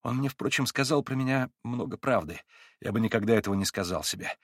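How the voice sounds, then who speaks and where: A man voicing a feverish, tormented young man in an audiobook, husky and agitated, rising into anguished outbursts. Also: medium pitch, expressive, quick pace, dry recording, clean studio sound. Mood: brooding. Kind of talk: audiobook character reading.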